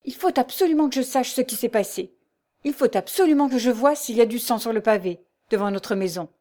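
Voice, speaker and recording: A woman's voice: a little high, a little fast, warm tone, close to an everyday voice. A woman voicing a frightened young woman. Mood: determined. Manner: breathless, fearful, insistent. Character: anxious young woman, the devil's daughter.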